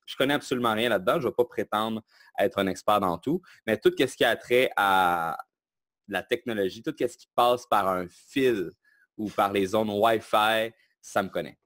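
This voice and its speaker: A man from Quebec with a Québécois French accent, speaking as a guest and explaining his work in a self-assured, lively way. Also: on the low side, moderate pace, no echo. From Quebec, Canada. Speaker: guest, online marketing entrepreneur. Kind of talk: casual interview talk.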